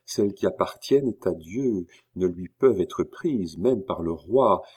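Cornered queen, tense and faltering, voiced by a deep male reader. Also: animated, unhurried, a little mellow, breathy edge, full character voice. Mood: desperate. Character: anxious cornered queen, woman.

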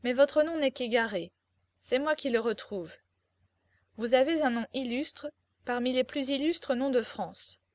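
A woman's voice: high voice, no echo. A woman doing a solemn scheming prince. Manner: calm, measured, solemn. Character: older scheming male prince, smooth and solemn. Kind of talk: audiobook character reading.

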